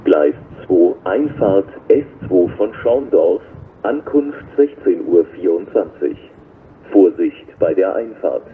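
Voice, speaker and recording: A man working as a railway station announcer, reading flat, scripted platform announcements in a measured, formal way. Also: low-pitched. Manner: measured, formal, flat delivery in set phrases. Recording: dull lo-fi recording with loud station noise.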